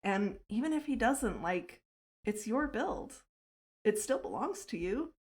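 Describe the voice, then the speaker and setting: A woman hosts her own livestream in a relaxed, chatty way. She laughs often and answers her chat between thoughts as she plays. Her voice sits at a middle pitch for a woman. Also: a little slow. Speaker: livestreamer and server host. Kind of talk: casual livestream chat while playing a game.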